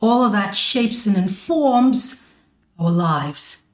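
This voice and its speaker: A woman's voice: medium pitch, animated, slow pace. A woman life coach hosting a motivational podcast, talking affectionately to listeners, laughing often and stretching words for emphasis. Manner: affectionate, calls listeners "my loves" and "baby". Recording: echoey room.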